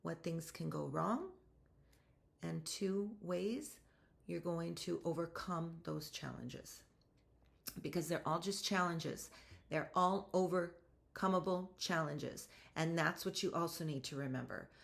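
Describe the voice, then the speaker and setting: A woman hosting a solo motivational podcast, talking straight to her listeners in an energetic, emphatic, chatty way. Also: fairly low pitch, takes it slowly, gravelly. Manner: energetic, emphatic, rising to excited outbursts; chatty, addresses listeners directly. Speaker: podcast host.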